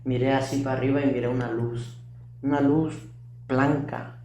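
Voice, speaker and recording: A man's voice: mid-range voice, little pitch movement, normal speed, a little mellow, slight background noise. A young man giving an earnest personal testimony, recounting events vividly with repetition. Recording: distant echoey room mic.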